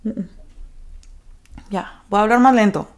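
A woman with a Mexican accent hosting a casual rant podcast, talking fast and excitably and swearing freely. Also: medium pitch. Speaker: podcast host.

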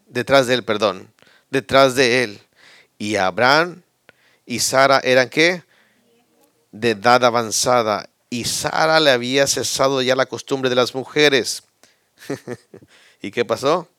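Male pastor, sermon, unhurried delivery, dry close sound, call-and-response, loud then hushed. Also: medium pitch, no room sound. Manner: call-and-response, prompting listeners with "what?"; swings from loud exclamations to near whispers.

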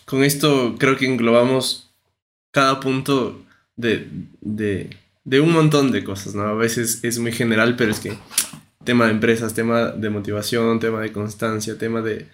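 A man's voice: mid-range voice, steady tone, moderate pace. A man hosting an interview, reflectively summing up the conversation. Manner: reflective, summarizing. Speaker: interview host. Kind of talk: casual interview talk.

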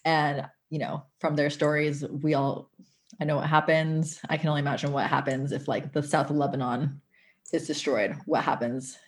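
A woman's voice: deep voice, level tone, moderate pace. A young woman from the United States speaking earnestly as an interview guest. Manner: earnest, conversational.

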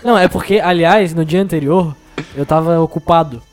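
A young man chats on a casual podcast, joking and acting out the other people in his story. His voice sits a little high. Soft music plays quietly underneath. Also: fairly quick. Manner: jokey storyteller, acts out quoted voices. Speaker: podcast co-host.

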